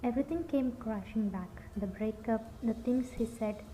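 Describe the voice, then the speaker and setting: A woman narrating a scripted second-person story in a soft, even reading voice. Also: on the high side, normal speed, a little hiss or hum. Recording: dull lo-fi recording. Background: faint music.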